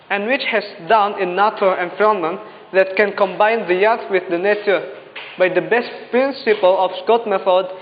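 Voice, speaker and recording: A young man with an Indonesian accent delivers a memorized competition speech in a formal, declamatory, exhortative manner. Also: sits high. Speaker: speech contestant. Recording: dull lo-fi, echoing hall, faint noise.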